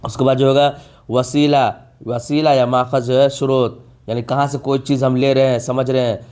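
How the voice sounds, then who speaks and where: A man's voice: medium pitch, level tone, a little mellow. A man, teaching an exam-prep vocabulary lesson, repeating each term and asking rhetorical questions. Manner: drawn-out emphasis on key words.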